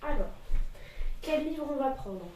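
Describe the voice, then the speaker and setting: A young woman streaming from a table at home, chatting casually while opening card packs and slipping into halting English. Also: sits high, expressive, noisy background. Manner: chatty, thinking aloud, switching into halting English.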